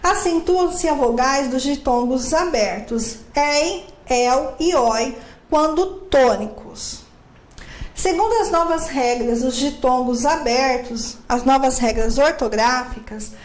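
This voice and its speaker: A high-voiced woman gives a grammar lesson, explaining each rule step by step. She poses questions and answers them herself. The sound carries a noticeable room echo. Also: a little hiss or hum. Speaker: teacher.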